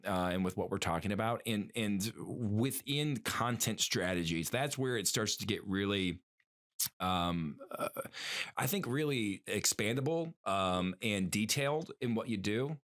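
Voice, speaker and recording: Male podcast co-host, lower voice, casual and rambling, lots of "uh" and restarts. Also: expressive, measured pace, fairly bright tone. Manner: rambling, many fillers and restarts.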